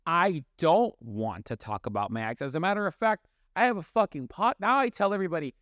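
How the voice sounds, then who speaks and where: Man, podcast host, high voice, very animated, candid storyteller, studio sound. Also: a little fast, dry recording. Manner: candid, storytelling, laughs often, swears freely. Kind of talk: casual podcast chat.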